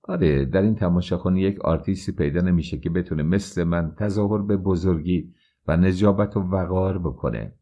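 A man reading aloud plays a proud young actress who speaks her mind with open scorn. The voice stays low and mellow, a storybook heroine who will not be bought. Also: lo-fi sound. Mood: proud, scornful. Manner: scornful, frank.

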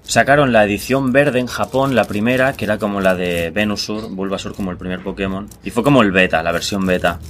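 Casting: young Spanish man, lowish voice, easygoing slangy co-host, faint noise. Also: brisk, hardly any pauses. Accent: Spanish from Spain. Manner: relaxed, rambling, slangy. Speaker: podcast co-host. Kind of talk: casual chat.

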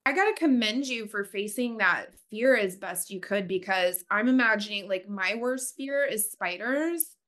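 A woman's voice: mid-range voice, animated, normal speed, few pauses, fairly bright tone. A woman co-hosting a podcast in casual chat, with playful, emphatic reactions. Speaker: podcast co-host.

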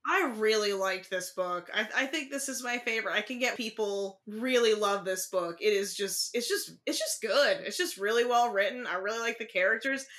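A woman co-hosting a casual book podcast, talking in a chatty, halting way and retelling scenes. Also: mid-range voice, fairly bright tone. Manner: chatty, halting with fillers and restarts. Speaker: podcast co-host.

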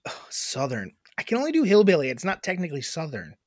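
A young woman co-hosting a podcast talks in loose, casual chat. She curses freely and laughs off her own blunders. Her pitch rises and falls a lot, and the sound is dry and close. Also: wildly swooping pitch, fast talker, dry recording. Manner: self-mocking, swears freely, laughs at herself. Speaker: podcast co-host.

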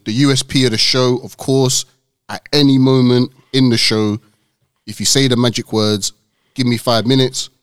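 A man's voice: on the low side, smooth, no echo, clean studio sound. A man with a London accent casually hosting a podcast, with everyday slang. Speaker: podcast host.

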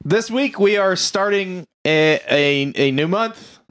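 Slow, smooth-voiced man hosting. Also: sits high, animated, a bit bright. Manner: halting, many fillers and restarts. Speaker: podcast host. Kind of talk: casual movie review chat.

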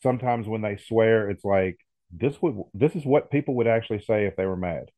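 A man's voice: lowish voice, fairly quick, dark tone, no echo. A man co-hosting a podcast in casual chat, easygoing and agreeable, often restarting his sentences. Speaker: podcast co-host. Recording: muffled phone-like audio.

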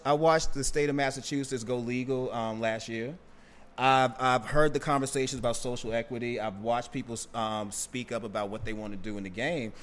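Emphatic, slangy male podcast host. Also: mid-range voice. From Boston, USA. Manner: animated, emphatic storyteller, slangy. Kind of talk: casual interview chat.

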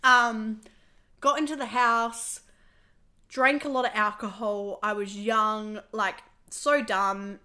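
Bright-voiced woman host. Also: on the high side, fairly even intonation, slow pace. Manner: chatty, filler-heavy, confessional. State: losing her voice. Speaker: podcast host. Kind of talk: casual podcast chat.

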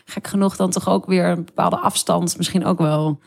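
A woman's voice: on the low side, fairly even intonation, normal speed, vocal fry. A woman interviewer asking questions with short, affirming replies. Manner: affirming, short responsive remarks. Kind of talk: interview conversation.

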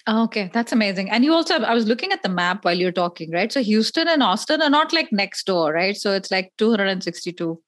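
A woman hosting a casual interview, candid and animated, often checking in with "right?". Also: mid-range voice, quick pace, hardly any pauses, no echo. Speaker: podcast host.

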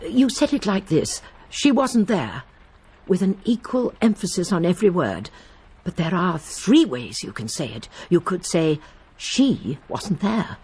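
An older woman playing a gentle, shrewd elderly spinster sleuth in a radio drama, mild and precise. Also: on the low side, animated, normal speed, hardly any pauses, breathy edge. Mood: gently probing.

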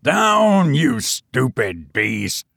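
A man voicing a scheming male cousin who shouts in rising terror at an animal turning on him. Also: medium pitch, big pitch swings, extremely slow, vocal fry, no echo, studio quality, exaggerated voice. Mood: commanding. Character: scheming middle-aged male cousin, panicking as his beast turns.

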